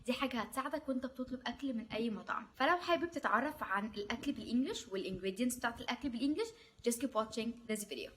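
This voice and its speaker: A woman with an Egyptian Arabic accent teaching a vocabulary lesson as an English teacher, repeating each word slowly three times and breaking words into syllables. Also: a little high, lively intonation, fairly bright tone, a little hiss or hum.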